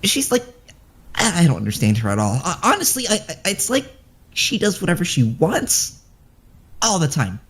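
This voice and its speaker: An actor as a husky, halting grieving student. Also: medium pitch, very animated, a bit bright, heavily acted. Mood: uneasy. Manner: halting, stammering, sighing. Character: grieving student talking to departed friends. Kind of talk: fan game voice acting.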